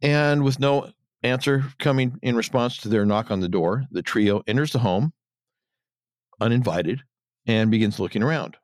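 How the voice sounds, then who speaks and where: A man's voice: mid-range voice, normal speed, no room sound. A man co-hosting a podcast, recapping a TV episode scene by scene in a casual chat. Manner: retells scenes, acting out quotes. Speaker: podcast co-host.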